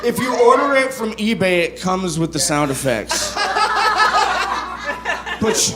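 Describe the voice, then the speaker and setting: A man telling a comedic story on stage with deadpan, mock-earnest asides, before a live audience. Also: sits high, a little slow, heavy background noise. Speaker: stand-up comedian.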